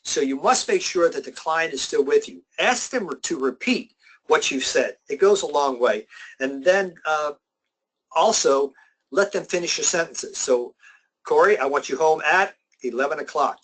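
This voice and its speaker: A middle-aged man giving a sales training webinar, emphatic and slowing down to stress his key points. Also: on the high side, a bit bright, a little hiss or hum, poor audio. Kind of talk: motivational webinar presentation.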